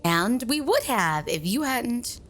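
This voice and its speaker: In an ASMR roleplay audio drama, a woman plays a bossy, irritable mean girl, scolding in an exasperated, sarcastic, annoyed way. Her fairly high voice is sing-song and slow, with soft music in the background.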